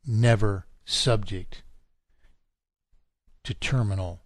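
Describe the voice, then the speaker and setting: A man lecturing at length on a radio show, emphatic and insistent, with his voice climbing high when he fires off indignant questions. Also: slow pace, no room sound, clean studio sound. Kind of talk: talk radio monologue.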